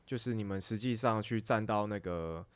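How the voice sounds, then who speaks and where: A man's voice: on the low side, moderate pace, smooth, dry recording. A man with a Taiwanese accent in casual chat, a curious listener who interjects and asks questions.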